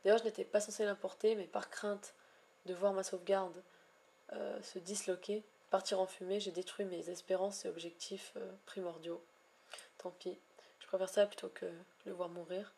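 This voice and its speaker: A woman vlogging about her shiny hunts in a wordy, elaborate way, pausing often with hesitations and gushing affectionately at times. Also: mid-range voice, little pitch movement, vocal fry, a little mellow, slightly rough. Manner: ornate, wordy phrasing with frequent hesitations. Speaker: Pokémon shiny hunter vlogger. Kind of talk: casual vlog narration.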